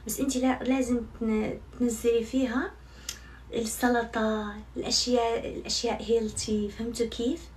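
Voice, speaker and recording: A woman's voice: fairly high pitch, level tone, normal speed, long pauses, darkish tone. Young woman vlogger, casual and joking, slight room hiss, mic a bit distant. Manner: chatty and self-mocking, swears oaths often. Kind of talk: casual vlog chat to viewers. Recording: somewhat far from mic, faint background noise.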